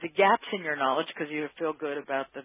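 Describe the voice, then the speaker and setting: Over phone-line audio with no echo, a man with a fairly high voice speaks quickly as a guest expert on workplace psychology. In this conversational interview he explains his ideas thoughtfully, searching for the right words.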